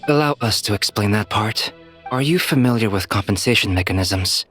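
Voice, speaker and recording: Low-voiced, composed scholar. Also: male voice, animated, moderate pace, a bit bright, soft background music. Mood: composed, explaining. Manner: clinical, formal. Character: learned, composed male scholar, methodical explainer. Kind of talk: scripted video game acting.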